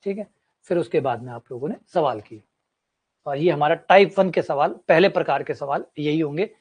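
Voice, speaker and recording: A man's voice: on the high side, moderate pace, darkish tone, breathy edge. A man, teaching a maths class as a lecture and explaining with everyday examples and repetition.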